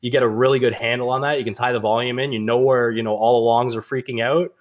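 Man, podcast co-host, rapid casual chat, middle pitch, rambling, mimics people in a higher voice. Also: steady tone. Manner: fast, rambling, acts out quoted people in a higher voice.

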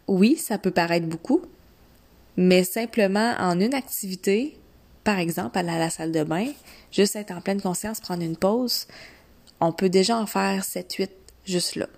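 Slow-paced Quebec woman coaching one listener. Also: medium pitch, gravelly, darkish tone. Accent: Quebec French. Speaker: mindset coach. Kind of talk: instructional coaching talk, addressing one listener informally.

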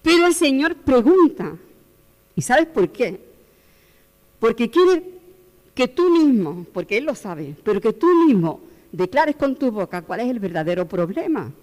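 A woman preaching a sermon in an animated way, acting out the voices in the story. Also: a little high, unhurried. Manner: animated preaching, acts out voices of the Lord and the prophet. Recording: hall reverb.

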